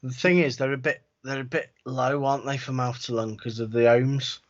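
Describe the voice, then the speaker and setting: A man's voice: mid-range voice, fairly even intonation, moderate pace. Joking man, dull lo-fi sound. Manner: joking, teasing banter. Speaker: co-host of a live vape show. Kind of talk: casual live-stream banter.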